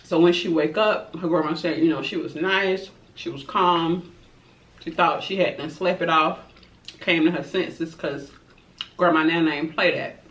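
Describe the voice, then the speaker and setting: A woman from Florida, USA, with a low-sitting, slightly bright voice and a somewhat slow pace, is a mukbang vlogger telling her viewers a dramatic story while eating, with chatty asides. Her home recording sounds roomy, distant, and dull.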